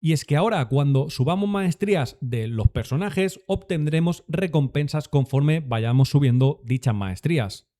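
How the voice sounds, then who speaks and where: A man's voice: a little high, animated, moderate pace, dark tone. A young man with a Spain Spanish accent, giving an upbeat rundown of a game update and addressing his viewers. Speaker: gaming content creator.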